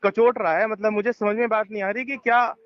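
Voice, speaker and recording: A resort manager on a tense phone call speaks in a high, steady voice at a fairly quick pace, insistently explaining himself and repeating his points. It's captured through a telephone, so the recording is muffled and lo-fi.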